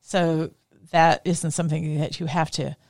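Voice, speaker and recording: Southern woman, fairly low voice, podcast host, explains at length, dry close sound. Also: flat delivery, unhurried, darkish tone, no echo. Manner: engaged, explains at length, frequent affirmations. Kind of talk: conversational interview.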